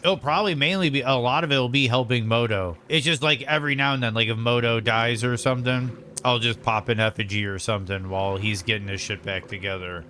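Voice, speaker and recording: Male streamer, mid-pitched, rambling relaxed game chatter while eating. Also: a little fast, hardly any pauses, a little hiss or hum. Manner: rambling, relaxed, lots of fillers. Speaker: streamer playing a video game. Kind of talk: casual gameplay commentary.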